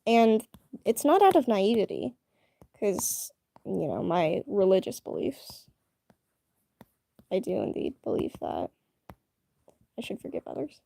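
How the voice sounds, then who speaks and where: Young female streamer, rambling and chatty, animated pitch, soft mellow tone. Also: takes it slowly, gravelly, long pauses, no echo. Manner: rambling, chatty, full of fillers and restarts. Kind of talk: casual live-stream chat.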